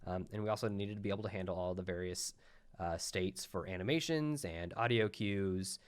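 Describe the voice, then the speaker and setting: A man giving a recorded conference talk, explaining at length with frequent pauses and "uh" fillers. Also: deep voice, clear, resonant tone. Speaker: conference presenter.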